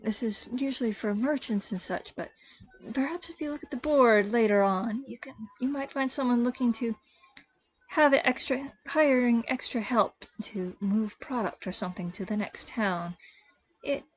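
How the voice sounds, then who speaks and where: A woman voicing a timid, soft-spoken male traveler who stammers and speaks hesitantly. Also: on the high side, normal speed, slight background noise, close to an everyday voice, rough recording. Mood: thoughtful.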